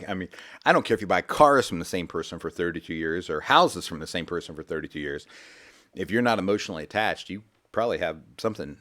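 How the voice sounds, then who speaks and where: Man, deep low voice, rambling folksy radio host, casual talk. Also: a bit bright. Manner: rambling, repeats words, folksy. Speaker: financial radio show host. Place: radio studio.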